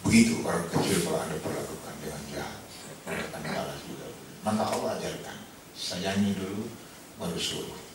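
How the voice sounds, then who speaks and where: Deep-voiced man preaching in an echoey hall. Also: a little fast. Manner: lively storytelling, acting out voices with humor. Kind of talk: Ramadan study sermon. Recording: echoey hall from far off with noise.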